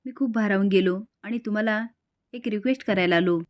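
A woman reading the lines of a smooth-talking scheming man in a serial recap. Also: mid-range voice, a little fast, dry recording, studio quality, natural voice. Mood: persuasive.

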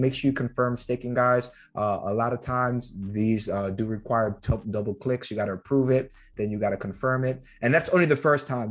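A man in his thirties hosting his own channel, talking viewers through a screen-share in a relaxed, filler-heavy way and calling them guys, recorded at home on a desk mic. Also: medium pitch. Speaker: crypto channel host. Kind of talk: casual screen-share walkthrough. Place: home room.

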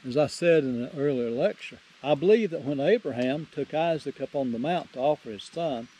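A man's voice: a little high, a little fast, mellow, breathy edge, low-quality recording. A man teaching through the Bible verse by verse, folksy, repeating phrases for emphasis and reading scripture aloud.

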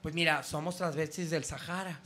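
A man voicing a polite male caller, soft-spoken and hesitant, full of fillers. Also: on the high side, steady tone, moderate pace, a little hiss or hum.

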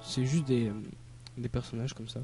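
A man comments casually on the game he is playing. His mid-range voice is halting, often muttering to himself as he thinks aloud. Game music plays clearly behind him. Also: mid-range voice, steady tone, dark tone. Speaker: gamer, let's play host. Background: video game music.

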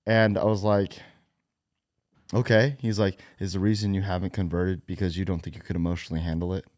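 Young male podcast host, lowish voice, relaxed questioner, dry studio sound. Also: brisk, no echo. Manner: relaxed, conversational, questioning, reenacts exchanges. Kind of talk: casual conversation. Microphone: studio boom mic with headphones.

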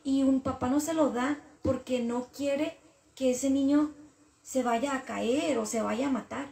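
Earnest gravelly-voiced woman sharing faith. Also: high-pitched, steady tone, unhurried, mellow, reverberant. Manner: earnest, repetitive, talks through her frustrations with God. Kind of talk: casual faith reflection.

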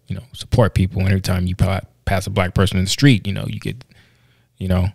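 A man's voice: low-pitched, little pitch movement, quick pace, vocal fry, darkish tone, no room sound. A man co-hosting a podcast in casual chat, talkative, laughing easily and restarting his sentences often. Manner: chatty, laughs easily, many restarts and fillers. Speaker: podcast co-host.

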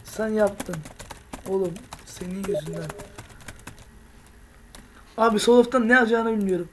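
A woman's voice: mid-range voice, unhurried, slight background noise. A woman hosting a gaming video, chatting casually with slang and frequent laughter as she teases others. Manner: laughing often, slangy and teasing.

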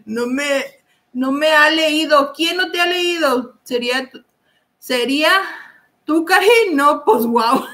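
A young woman hosts a live stream, greeting viewers one by one and reading their comments aloud. Her voice sits high and bright, and she talks at an unhurried pace. She keeps dissolving into giggles. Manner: giggly, keeps breaking into laughter. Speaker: livestream host.

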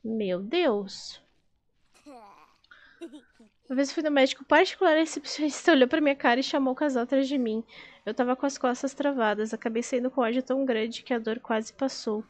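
Woman streamer, high-pitched, expressive and chatty, casual gameplay talk. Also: moderate pace. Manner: chatty, expressive, laughs often. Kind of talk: casual gameplay chat, reading out chat.

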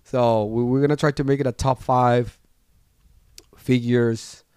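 A man co-hosting a casual collectibles chat show, talking in halting starts, repeating words and laughing easily. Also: mid-range voice, fairly even intonation, darkish tone, clean tone, dry recording, clean studio sound. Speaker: podcast co-host.

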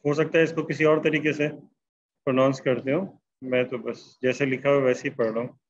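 A man's voice: medium pitch, level tone, muffled recording. A man teaching statistics in an online class, dictating sentences word by word as he writes them out. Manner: slow, dictating word by word while writing.

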